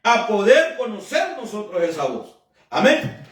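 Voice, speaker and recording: A man's voice: high-pitched, wildly swooping pitch, a little slow. A man preaching a sermon in a fervent, emphatic way, often calling out to his listeners. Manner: emphatic, fervent preaching with frequent "amén" and "hermano". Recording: echoey room from far off.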